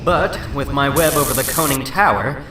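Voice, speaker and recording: A man's voice: medium pitch, normal speed, heavy background noise, lightly acted. A man voicing a determined, wisecracking superhero who thinks aloud in a dramatic comic-book reading. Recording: roomy, distant mic, loud music underneath.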